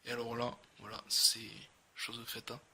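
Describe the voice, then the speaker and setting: A man with a southern French accent giving casual unboxing commentary as a video host, speaking haltingly and often repeating his words. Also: medium pitch, completely flat delivery, bright, forceful tone, husky.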